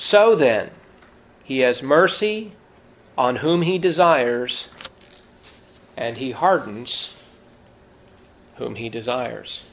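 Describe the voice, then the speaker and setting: A man preaching a sermon, reading scripture slowly and emphatically and asking the congregation rhetorical questions. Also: medium pitch, lively intonation, slight background noise. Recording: dull lo-fi sound.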